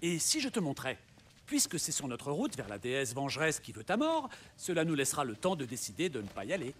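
A man playing a wry, smooth-talking schemer in a video game, eloquent and playfully sardonic. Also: mid-range voice, huge pitch swings, brisk, a little hiss or hum. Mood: coaxing, wry. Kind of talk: video game drama acting.

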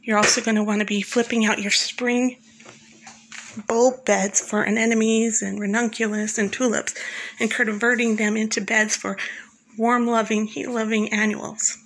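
A woman narrating a scripted voice-over guide, speaking in a calm and instructive way and addressing the listener directly. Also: on the high side, moderate pace, rough recording. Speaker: flower farmer and channel host.

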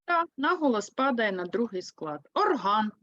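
Lively Ukrainian woman teaching young kids. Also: medium pitch, no echo, lo-fi sound. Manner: slow, clear, explains with lively emphasis. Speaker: primary school teacher. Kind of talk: online lesson for third graders.

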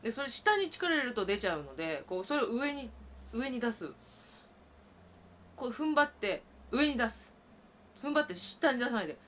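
A woman teaching traditional Japanese singing, explaining breath and voice and breaking into loud sustained sung tones. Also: a little high, big pitch swings, normal speed, pauses often, a little hiss or hum. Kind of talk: vocal lesson with sung demonstrations.

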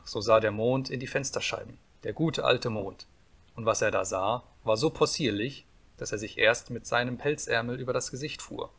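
A man reading a fairy tale aloud as an audiobook narrator, calm and measured. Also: mid-range voice, creaky.

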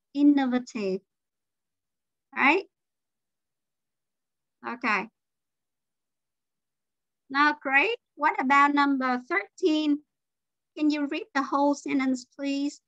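A woman's voice: sits high, pushed and bright, dry recording, lo-fi sound. A woman teacher leading an online class, explaining vocabulary and patiently drilling pronunciation. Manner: drills pronunciation, mixes English terms into explanations.

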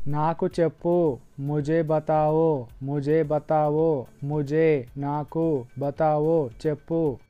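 Slow, deliberate male Hindi teacher. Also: fairly high pitch, fairly even intonation, clean tone, dull audio, faint music behind. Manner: repeats each phrase slowly and deliberately. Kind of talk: slow language lesson, repeating phrases.

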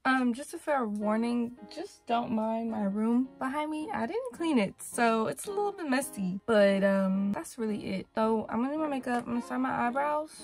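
A woman's voice: fairly high pitch, lively intonation, normal speed, few pauses, soft background music. A young woman vlogging casually in her bedroom, rambling and chatty, with a morning voice after just waking up. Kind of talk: casual vlog chat. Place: bedroom, indoors.

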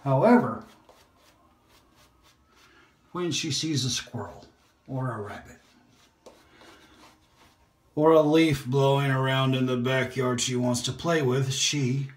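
Speaking at a slow pace and pausing often, a mid-range male voice with fairly even intonation rambles through a casual shaving vlog. He teases himself and sometimes drops to a whisper. A phone or camera on a holder records him in a roomy home.

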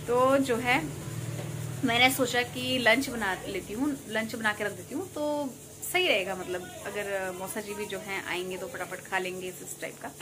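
A woman's voice: mid-range voice, moderate pace, background noise. A young woman from Uttarakhand chatting casually to her vlog camera while she cooks in a home kitchen, rambling with lots of fillers. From Uttarakhand, India. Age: young adult. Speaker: vlogger. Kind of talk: casual chat while cooking. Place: home kitchen beside a window onto a busy highway. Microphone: fixed camera placed in the kitchen.

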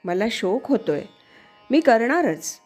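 A woman's voice: a little high, sing-song, slow, a little mellow, faint music behind, exaggerated voice. A woman voicing an irritated ancient king with an exasperated, scolding manner during a religious story.

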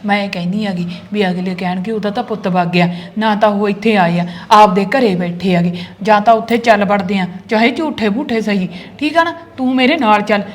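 An actress with a Punjabi accent playing a worried village wife who hushes and scolds her husband, pleading with him to be careful. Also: mid-range voice, brisk, few pauses, lightly acted. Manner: urgent, pleading, hushing. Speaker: actress in a short film. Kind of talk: village drama acting.

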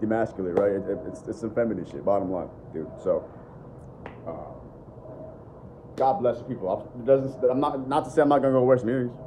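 Here a young man with a low voice chats casually to camera from home, his phone at arm's length in the living room. He makes videos about dating and self-improvement, talks a little fast, and is crude and direct, repeating "bro" and "bottom line." Background noise is audible.

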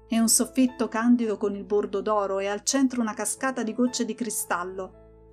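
A woman reads an audiobook aloud, telling a first-person story with plenty of expression. Her voice sits at an ordinary middle pitch for a woman. Faint music plays softly behind her. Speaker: audiobook narrator. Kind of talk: scripted audiobook narration.

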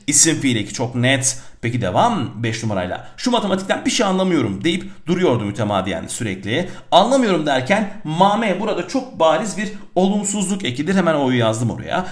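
Energetic guy teaching a grammar lesson for exam prep, voice jumps all over, very emphatic. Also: on the high side. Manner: energetic, emphatic, addresses viewers as "hocam".

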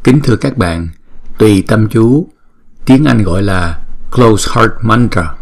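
A man teaching mantra pronunciation in a spoken lesson, patiently repeating each sound slowly to demonstrate it and chanting the full mantra in a slow, drawn-out way. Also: lowish voice, animated, vocal fry.

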